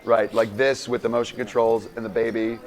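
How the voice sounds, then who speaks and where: A man's voice: medium pitch, fairly quick, low-quality recording. A man co-hosting a live game stream, chatting casually and rambling with lots of filler words. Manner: rambling, animated, many "like" fillers. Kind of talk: casual chat while playing a game.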